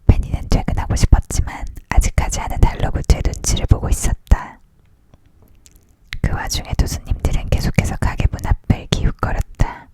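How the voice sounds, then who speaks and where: Unvoiced whisper, leaning in, ASMR storybook reading, soft narrator delivery. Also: moderate pace. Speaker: audiobook reader.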